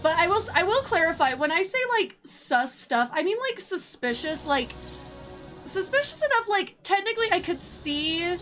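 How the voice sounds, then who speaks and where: A woman streamer chats casually on a livestream, rambling with lots of fillers, restarts and self-corrections. Her very high voice is very animated and fairly bright at a moderate pace, with soft music in the background.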